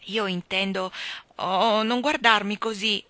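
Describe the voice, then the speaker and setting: An eager, hopeful little boy from a storybook, as a woman puts him on. His voice sits higher and louder than the reader's own, bright and urgent. The sound is dry and close. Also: moderate pace, no room sound. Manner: excited and pleading.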